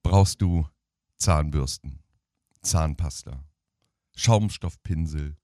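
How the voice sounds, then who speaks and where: A man on a radio show explaining tips in a relaxed, self-mocking way, laughing now and then. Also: extremely low pitch, slow, dry recording, studio quality. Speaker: radio co-host giving tips. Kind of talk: casual radio chat.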